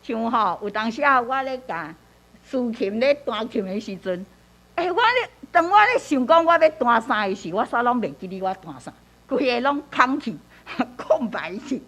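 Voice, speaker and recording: Lively high-voiced woman teaching scripture. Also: moderate pace. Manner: repetitive, peppers speech with "hoh"; reads scripture aloud with emphasis. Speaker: church Bible-study teacher. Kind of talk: teaching a Bible-reading class.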